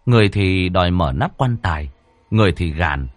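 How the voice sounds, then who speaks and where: A male storyteller reading a ghost story in a low, lively voice that swoops up and down. He slows down for the suspenseful moments, recorded close and dry with no room sound. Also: no room sound, faint music behind.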